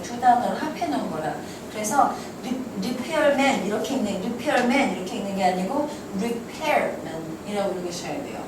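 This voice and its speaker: A woman teaching an English class, brisk and teasing, quizzing her students as she goes. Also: on the high side. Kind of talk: classroom lecture. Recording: echoey classroom from far off, noisy.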